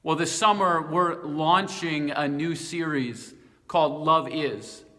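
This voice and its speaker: Slow, bright-voiced pastor in an echoing church. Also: male voice, on the high side. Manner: slow, earnest and personal, with light self-deprecating humor. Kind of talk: short devotional talk to viewers. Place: church sanctuary. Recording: long reverb from a large room.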